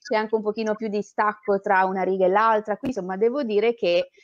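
A woman's voice: mid-range voice, steady tone, fairly quick. Brief: chatty female host, casual and laughing, slightly muffled audio. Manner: chatty, laughing, greets viewers. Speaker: host of a reading show. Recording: dull lo-fi audio.

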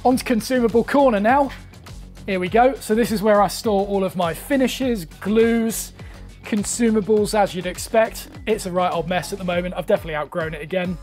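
A young man with a notably high speaking voice leads a tour of his own workshop. He reels off tools and shelves in quick, upbeat lists with plain enthusiasm. Faint music plays underneath him. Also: a little mellow. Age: young adult. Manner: enthusiastic, brisk listing of items. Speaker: woodworking channel host. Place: indoor workshop, small and cluttered.

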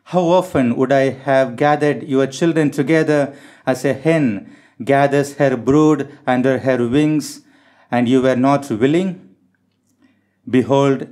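Male priest, middle-aged, for Gospel and homily: slow, formal, deliberate delivery. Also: medium pitch, darkish tone. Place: small chapel, indoors. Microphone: gooseneck lectern microphone.

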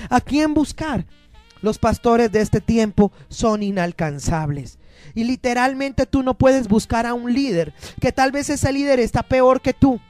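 A man with a high voice preaches fervently, repeating his phrases and lifting into a sing-song cadence. The sound is dry and close, with faint music underneath. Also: darkish tone, no room sound. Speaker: pastor. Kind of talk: sermon.

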